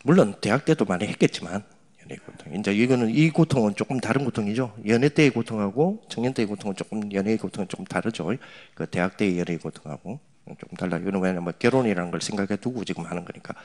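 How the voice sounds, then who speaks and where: A middle-aged man preaching a sermon to young adults. He talks in a teasing, conversational way and swings from loud lines to hushed asides. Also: fairly low pitch, animated, quick pace. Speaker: pastor.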